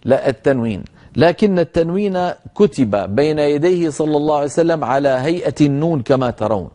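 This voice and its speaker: Mellow-voiced man teaching Quran recitation. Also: a little high, animated. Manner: measured explanations, slowly modelling recited words; addresses listeners directly as brothers. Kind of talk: broadcast tajweed lesson.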